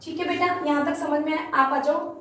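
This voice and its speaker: Female teacher, high voice, patient quizzing delivery, distant echoey classroom sound. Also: steady tone, fairly quick, fairly bright tone, slight background noise. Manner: patient, repeats and quizzes pupils. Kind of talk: classroom grammar lesson. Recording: echoey room from far off.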